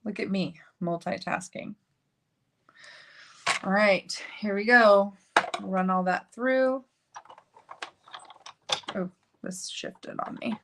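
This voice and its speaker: A woman hosts a casual live card-making tutorial, chatting as she works and laughing at her own slips. Her voice is medium-pitched and slow, with frequent pauses. Heavy background noise runs throughout.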